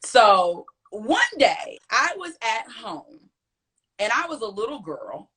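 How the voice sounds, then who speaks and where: A woman from the US hosting a casual family chat, animated and laughing often as she tells stories. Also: on the high side, takes it slowly, slightly rough. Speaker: host.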